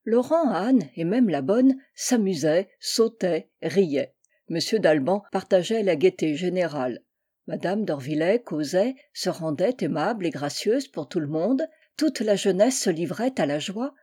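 Mellow-voiced woman narrating a classic novel. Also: lowish voice, slightly rough. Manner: measured, even storytelling. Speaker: audiobook reader.

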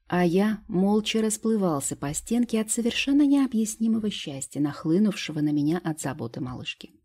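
A woman reading a first-person audiobook story with intimate, lively storytelling. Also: medium pitch, brisk, slightly rough. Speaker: audiobook narrator.

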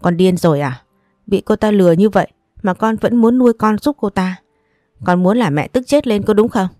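A woman's voice: on the low side, brisk, a little mellow, no echo, clean studio sound, close to an everyday voice. A woman voicing an angry older mother-in-law who scolds sharply. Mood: angry scolding.

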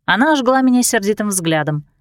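A woman's voice: mid-range voice, expressive, fairly quick, no room sound, studio quality. A woman narrating a first-person audiobook in an intimate, confessional way.

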